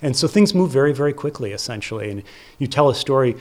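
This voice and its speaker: A fast, animated American man with a mid-range voice answers interview questions as a theater festival producer and curator. He's conversational and explanatory, stressing ideas through short phrases said again and again.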